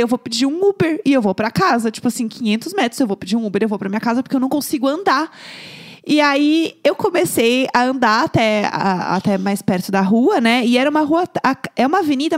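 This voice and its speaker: A young woman co-hosting a podcast, animatedly telling a story about her own mishap and laughing at herself. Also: sits high. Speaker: podcast co-host. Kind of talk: casual storytelling chat.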